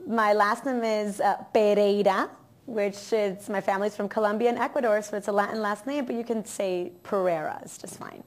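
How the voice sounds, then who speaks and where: A woman's voice: mid-range voice, steady tone, a little fast, few pauses. A woman with a Miami accent, chatting upbeat as an actress guest in an interview. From Miami, Florida, USA. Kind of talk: casual interview chat.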